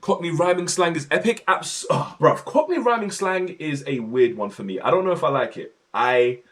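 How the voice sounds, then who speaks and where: A man's voice: on the high side, animated, moderate pace, fairly bright tone. A young man chatting casually on his livestream, slang-heavy and talkative, in his home office.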